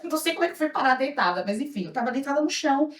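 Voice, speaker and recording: A woman's voice: high-pitched, expressive, racing. A Brazilian woman leading an anti-racism workshop, talking earnestly and reflectively and often tagging her sentences with a questioning "né?". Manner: earnest, reflective, tags lines with "né?". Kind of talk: workshop talk with a small group. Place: hotel auditorium. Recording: echoey room, mic at a distance.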